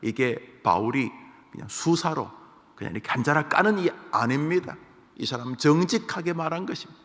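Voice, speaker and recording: A man's voice: mid-range voice, vocal fry, a bit bright, big-room sound. A male pastor giving a morning devotional sermon in a church, asking rhetorical questions and acting out scripture voices.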